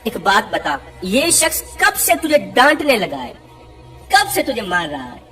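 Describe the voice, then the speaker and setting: A woman's voice: mid-range voice, huge pitch swings, bright, forceful tone, faint music behind. A woman voicing a revered male caliph who firmly questions a quarrelling couple. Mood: stern.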